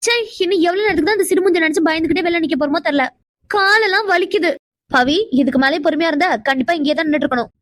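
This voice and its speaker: Woman doing a cartoon young wife, super high thin voice, dry close mic, frets to herself. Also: rapid-fire, fairly bright tone, no echo. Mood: anxious muttering. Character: young wife, anxious and heartbroken. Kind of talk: cartoon drama voice acting.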